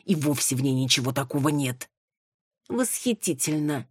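Husky low-voiced woman narrating a novel. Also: normal speed, dry recording, clean studio sound. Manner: voices characters' lines higher and louder, indignant. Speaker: audiobook narrator. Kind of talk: audiobook narration with acted dialogue.

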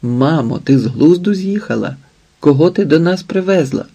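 A man voicing a spoiled, contemptuous teenage boy who shouts, in an audiobook. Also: on the high side, animated, normal speed, gravelly, slightly rough, voice pushed up, heavily acted. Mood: scornful, angry.

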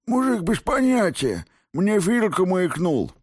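A man's voice: high voice, sing-song, takes it slowly, a little mellow, slightly rough, no echo, studio quality, voice pushed up, exaggerated voice. A man voicing an injured, bald male thug who lisps through a wrecked jaw and pleads in panic. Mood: scared, lisping. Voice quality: lisping.

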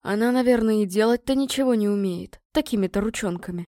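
A woman voicing a crude, grubby male vagabond suitor in a low, whining, boorish voice. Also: fast talker, warm tone, no room sound, studio quality, lightly acted. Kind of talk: audiobook reading.

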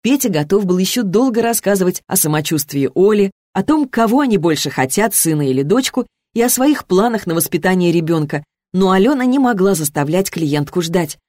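Measured woman audiobook reader. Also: on the low side, expressive, warm tone, dry recording, studio quality. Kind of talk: scripted narration.

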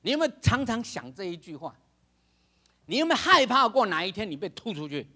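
Older pastor preaching with dramatic flair. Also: male voice, sits high, sing-song, a little fast. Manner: dramatic, acts out voices, laughs, shouts for emphasis. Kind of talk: sermon.

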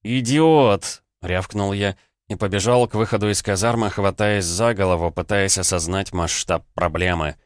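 Deep-voiced male audiobook narrator. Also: steady tone, normal speed, no echo, clean studio sound. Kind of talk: first-person fiction narration.

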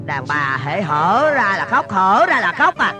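An actor playing a quick-tempered, bickering middle-aged father in a comic family skit, scolding and exasperated, with music behind. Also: sits high, big pitch swings.

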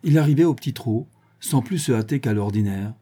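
A man reading a novel aloud as an audiobook narrator, calm and measured. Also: mid-range voice, husky.

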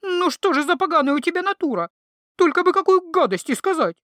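A woman reading an audiobook, voicing a jumpy, indignant young female herbalist in a high, shrill voice. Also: expressive, moderate pace, no echo, studio quality.

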